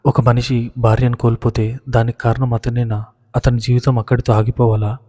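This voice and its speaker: Flat-voiced male storyteller. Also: mid-range voice, normal speed, in a large hall. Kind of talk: scripted narration.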